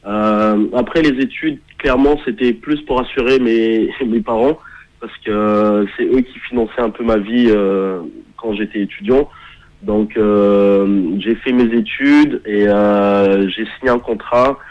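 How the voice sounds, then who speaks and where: Low relaxed man on muffled radio. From Kenya. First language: English. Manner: relaxed, hesitant with many pauses. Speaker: guest musician. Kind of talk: casual interview answers.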